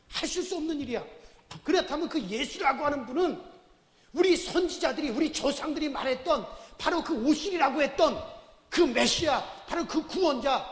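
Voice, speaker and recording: A man voicing a desperate blind male beggar, crying out in pleading shouts. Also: very high voice, voice pushed up. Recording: echoey church hall reverb.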